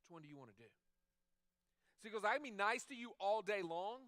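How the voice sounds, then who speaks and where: A man's voice: high voice, animated, quick pace, fairly bright tone, no room sound, clean studio sound. A man preaching a sermon as a pastor, talking conversationally and repeating phrases for emphasis. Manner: acts out quoted dialogue in other voices.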